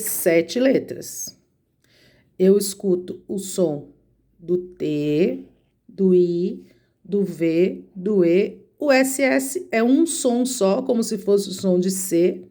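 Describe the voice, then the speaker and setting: A middle-aged Brazilian woman gives a recorded lesson to schoolchildren. She talks slowly and patiently at a mid pitch. She explains each step and counts letters aloud. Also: darkish tone. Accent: Brazilian Portuguese. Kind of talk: recorded remote lesson for children.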